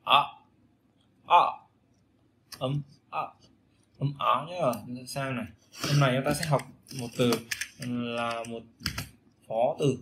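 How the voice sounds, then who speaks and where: Bright-voiced male pronunciation teacher. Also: medium pitch, steady tone, a little slow, long pauses. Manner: repeats sounds and phrases many times, demonstrating vowels. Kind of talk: casual spoken lesson.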